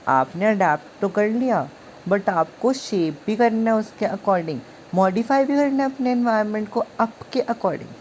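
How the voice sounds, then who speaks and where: A woman's voice: low-pitched, darkish tone, a little hiss or hum. A woman teaching psychology in a chatty, playful way, acting out little scenes to explain ideas. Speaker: psychology tutor. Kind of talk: casual online lesson.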